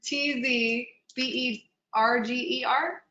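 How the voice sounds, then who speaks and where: A woman moderating a panel webinar on a video call, relaying audience questions with upbeat, quick acknowledgements. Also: a little high, steady tone, bright, forceful tone. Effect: video call audio. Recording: muffled, roomy video call audio.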